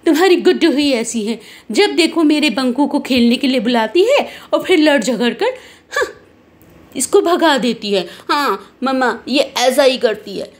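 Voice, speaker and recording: A proud, quarrelsome mother in a doll story, voiced by a woman, high and indignant as she brags about her son and scolds another child. She talks with a boastful, defensive edge. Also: sing-song, normal speed.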